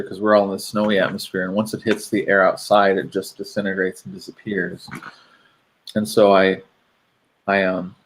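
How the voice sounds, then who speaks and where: Male co-host, lowish pitch, rambling casual dream recap. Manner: rambling, hesitant with many fillers. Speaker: podcast co-host.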